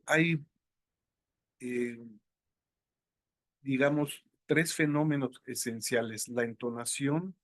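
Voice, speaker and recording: A man teaching an online lecture, thinking aloud and filling pauses with hesitations. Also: medium pitch, no echo. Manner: unhurried, thinking aloud with many fillers. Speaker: instructor.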